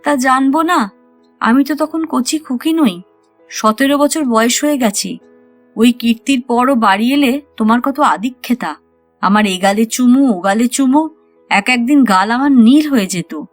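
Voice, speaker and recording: A sharp-tongued young village woman's ghost, as a woman narrator puts her on, scolding and teasing with quick retorts. Her voice sits a little high and sounds close and dry, with soft music underneath. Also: dry recording.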